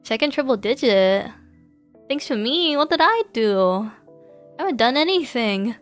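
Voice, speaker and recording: Giggling and rambling, a woman live streamer talks casually on her gaming stream while music plays underneath. She sounds a bit high-pitched and animated, speaking a little slowly.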